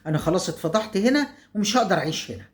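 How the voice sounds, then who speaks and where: A woman's voice: mid-range voice, animated, very fast, natural voice. A woman voicing a scheming young mistress, insistent and bossy, with an Egyptian accent. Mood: demanding. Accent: Egyptian Arabic.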